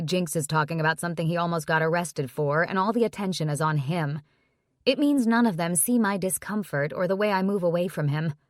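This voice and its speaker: A woman narrates a first-person romance audiobook at a measured, steady pace. Her voice sits on the low side, and the sound is dry and close to the mic. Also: dry recording.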